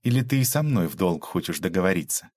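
A man's voice: low-pitched, expressive, fast talker, a little mellow, slightly rough. A man reading an audiobook aloud, voicing a tough, ironic young woman detective who mocks and lectures. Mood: mocking. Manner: mocking, cold, lecturing.

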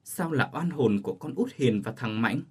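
A grieving middle-aged village aunt, blunt and frightened, as a male narrator reads her lines. The voice is husky and the pitch moves widely. It stays close to the reader's own voice, told plainly in an audio ghost story. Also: expressive, normal speed. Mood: distressed. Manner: plain storytelling delivery of quoted speech.

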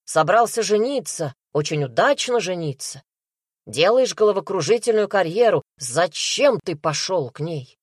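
A woman's voice: lowish voice, expressive, normal speed, slightly rough, dry recording, clean studio sound. A woman reading an audiobook, voicing a male detective who interrogates a suspect in a harsh, barking manner. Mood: furious. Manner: harsh, barking, pressing questions. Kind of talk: audiobook character voice.

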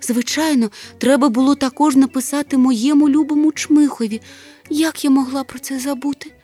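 A woman voicing a gentle, caring troll mother who talks in a soft, fussy, soothing way. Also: sits high, steady tone, moderate pace, faint music behind, pitched above the performer's own voice, natural voice.

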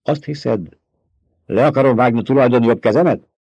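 A man reading the part of a stern, commanding young desert leader with a sharp, forceful way of questioning. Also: mid-range voice, expressive, no room sound. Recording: dull, dry recording.

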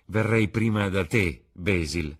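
A man's voice: low-pitched, slow, breathy edge, exaggerated voice. A man reading the part of a charming, vain young aristocrat in an audiobook, with a light and emphatic delivery. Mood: lively.

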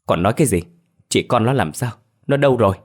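A man's voice: on the low side, steady tone, fairly quick, lightly acted. A man voicing a shaken, agitated middle-aged village mother demanding answers in a storybook reading.

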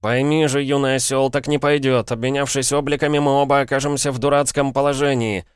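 A man's voice: medium pitch, flat delivery, a little fast, smooth, dry recording, studio quality, pitched above the performer's own voice, lightly acted. A man voicing a pompous, agitated father stuck in a boy's body, in an audiobook. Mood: furious. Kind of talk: audiobook character reading.

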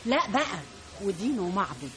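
An actress playing a brash, threatening Egyptian butcher-shop owner in a radio drama, talking in a coarse, bullying way. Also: female voice, mid-range voice, sing-song, normal speed, a bit bright. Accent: Egyptian Arabic. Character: brash menacing woman butcher, rich and threatening. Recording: noisy old radio broadcast.

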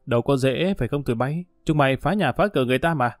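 A man's voice: mid-range voice, fast talker, dry recording, clean studio sound, lightly acted. A man voicing a curt, menacing male gang leader. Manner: gruff, threatening.

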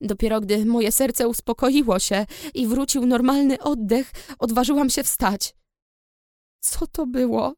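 Dry, higher-voiced woman narrating. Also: measured pace, mellow, no room sound. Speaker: audiobook narrator. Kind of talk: first-person scripted narration.

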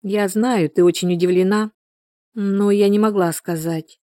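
A woman voicing an excitable pregnant young woman in labor, crying out in a shrill, panicky way. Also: unhurried, no room sound, clean studio sound, close to an everyday voice. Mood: eager.

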